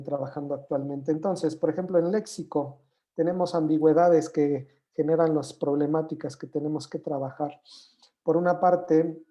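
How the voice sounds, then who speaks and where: A man's voice: on the high side, dark tone. A man giving a university conference lecture, explaining step by step and posing rhetorical questions with fillers like "este".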